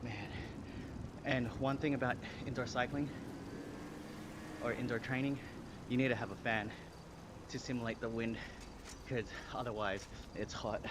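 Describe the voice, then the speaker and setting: In a noisy room, a man in his thirties with an Australian accent chats casually on a live stream while pedaling an indoor bike trainer at his home cycling setup. He sounds a little out of breath, his mid-range voice barely moving in pitch. He talks unhurriedly and pauses often.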